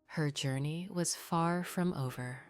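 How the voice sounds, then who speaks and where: A woman reading scripted sleep stories in a soft, breathy, half-whispered voice, soothing and gently guiding the listener toward rest. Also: low-pitched, slow pace. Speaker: sleep story narrator. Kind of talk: scripted bedtime sleep story narration. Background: background music.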